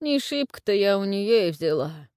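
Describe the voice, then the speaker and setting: A woman voicing a frightened, wheedling old witch with a shrill, wailing manner and folksy speech. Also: big pitch swings, moderate pace, darkish tone, dry recording, lightly acted. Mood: pleading.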